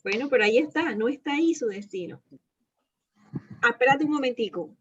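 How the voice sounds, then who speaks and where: A woman's voice: fairly high pitch, animated, brisk, highs cut off, a crowd in the background. A woman leading an interactive Bible lesson on prayer, coaching her students emphatically and repeating key phrases. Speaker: prayer teacher.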